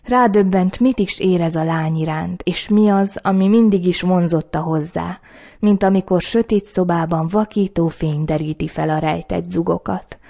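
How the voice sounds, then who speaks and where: Woman, audiobook narrator, scripted narration, calm, measured, low voice, warm tone. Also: gravelly.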